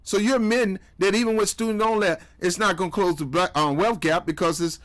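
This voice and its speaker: Male commentary host, slightly high voice, preachy and mocking. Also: a little fast, fairly bright tone. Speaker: commentary host reacting to clips. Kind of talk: heated political commentary.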